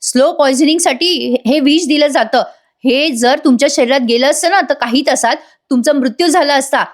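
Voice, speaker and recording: A woman's voice: sits high, normal speed, pitched above the performer's own voice, close to an everyday voice. Woman doing a stern scolding heroine. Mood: firm. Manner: firm, scolding. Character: stern young heroine, confronting a liar.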